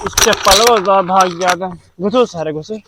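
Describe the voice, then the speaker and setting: A man's voice: sits high, normal speed, close to an everyday voice. A man playing a drunk old villager who grumbles and rambles in an Awadhi accent, in an amateur rural comedy skit. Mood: irritated. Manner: town drunk, rambling and muttering to himself. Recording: noisy amateur location sound.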